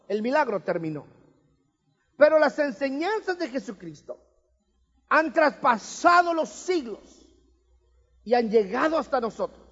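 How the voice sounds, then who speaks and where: A man preaching a sermon with emphatic rhetorical questions and touches of humor. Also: very high voice. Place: church hall. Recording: reverberant hall, dull lo-fi sound.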